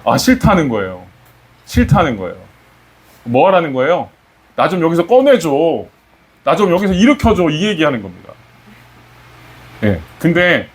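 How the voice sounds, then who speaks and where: A man's voice: a little high, husky. A man preaching a Sunday sermon as pastor, putting questions to the congregation and rising in emphasis.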